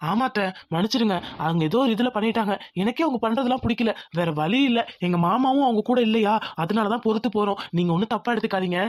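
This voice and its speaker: A woman's voice: on the high side, quick pace, few pauses, darkish tone, close to an everyday voice. A woman voicing a teasing young cartoon husband. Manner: teasing, joking. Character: easygoing young husband, village man.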